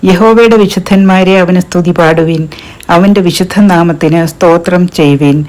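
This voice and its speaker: A woman giving a slow, solemn reading of psalms as a scripture reader. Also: fairly low pitch, fairly even intonation, a little mellow.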